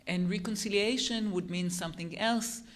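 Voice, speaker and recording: A psychologist on a panel, explaining concepts in a measured academic way. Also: male voice, high-pitched.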